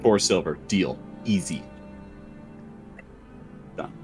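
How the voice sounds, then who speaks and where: Slow, dry tabletop game master. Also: deep voice, animated, a little mellow, soft background music.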